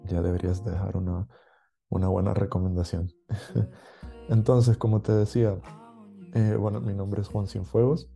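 Salvadoran man, low gravelly voice, casual podcast talk, faint music behind. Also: dark tone. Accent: Salvadoran Spanish. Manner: conversational, chuckling, many fillers. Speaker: podcast host. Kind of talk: relaxed solo podcast monologue.

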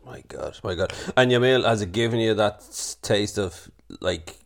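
A man hosting a casual podcast interview, chatty and quick to laugh along. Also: lowish voice, gravelly. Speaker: podcast host.

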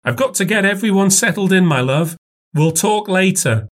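A man doing a high fussy old mum. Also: animated, normal speed. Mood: fussing. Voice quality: high put-on voice. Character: fussy older mother, chatty and doting.

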